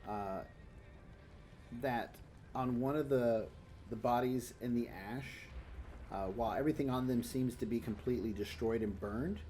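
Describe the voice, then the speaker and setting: A man at a mid-range pitch narrating a tabletop game as game master. He lays out each scene in detail and guides the players through it over a faint hiss. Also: measured pace, warm tone.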